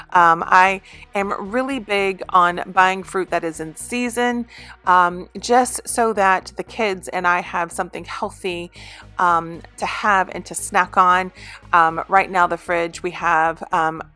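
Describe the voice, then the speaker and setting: A woman's voice: mid-range voice, pushed and bright. A woman in her thirties talking casually about her meal prep as a home vlogger, with many ums and restarts. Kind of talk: casual voice-over narration.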